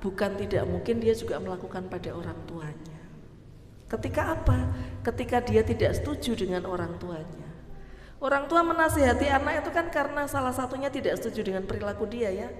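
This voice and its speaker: A woman's voice: a little high, lively intonation, brisk, slight background noise. A middle-aged woman gives a parenting talk at a mosque, often quizzing her listeners with either-or questions. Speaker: parenting speaker. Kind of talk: religious study talk on parenting. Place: mosque hall. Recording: echoey hall with faint ambience.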